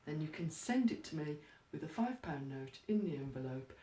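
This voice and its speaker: A woman's voice: sits low, lively intonation, normal speed, dark tone, a little hiss or hum. A woman giving step-by-step craft instructions in a plain, practical, instructive manner. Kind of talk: step-by-step how-to demonstration. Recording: roomy, echoey, distant microphone.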